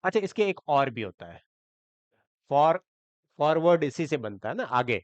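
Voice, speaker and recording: A very animated man with a clear, smooth, fairly high voice leads a Hindi-language grammar lesson. He breaks words down slowly, spelling them letter by letter, explains each step and asks checking questions, all in a dry, close, slightly dull recording.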